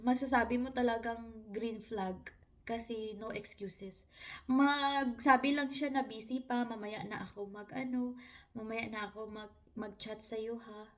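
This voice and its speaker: A woman's voice: a little high, fairly even intonation, measured pace. A woman with a Filipino accent telling a personal story to her viewers in a casual, chatty vlog, often breaking into laughter. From Philippines. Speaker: vlogger.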